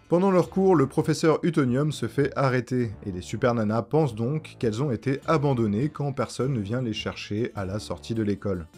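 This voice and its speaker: With background music underneath, a man's darkish, mid-range voice carries a scripted video essay narration. His delivery includes casual slang and humorous side comments.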